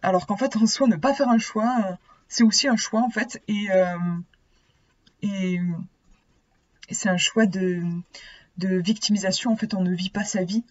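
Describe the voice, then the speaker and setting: Husky woman with a lisp. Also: mid-range voice, normal speed, pauses often, lo-fi sound. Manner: hesitant, searching for words. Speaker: oracle card reader. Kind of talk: casual card reading, with passages read from a booklet.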